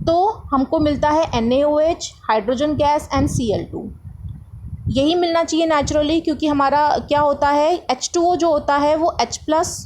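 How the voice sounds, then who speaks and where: A woman's voice: high-pitched, darkish tone, a little hiss or hum, rough recording. A woman science tutor explaining a lesson step by step, asking rhetorical questions as she goes.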